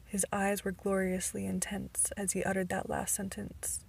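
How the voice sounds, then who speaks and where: A woman's voice: medium pitch, completely flat delivery, moderate pace, creaky, breathy edge. A woman narrating a novel in the first person as an amateur audiobook reader, with occasional stumbles and restarts.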